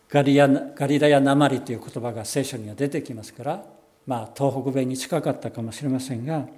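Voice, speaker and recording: A pastor giving a sermon, explaining scripture in a measured way and slowing down on key phrases. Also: male voice, mid-range voice, warm tone. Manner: measured, explanatory preaching with slowed emphatic phrases.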